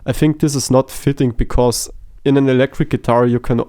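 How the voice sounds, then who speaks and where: A man's voice: medium pitch, fairly even intonation, fairly quick, mellow, no room sound, studio quality. A man co-hosting a podcast, chatting casually about a film in a hesitant, joking way with many fillers, a native German speaker. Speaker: podcast co-host.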